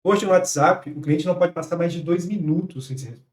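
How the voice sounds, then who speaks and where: A middle-aged man from Brazil in a podcast conversation, explaining things quickly with some hesitant restarts. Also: a little high, distant mic. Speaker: podcast participant. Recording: roomy, off-mic podcast audio.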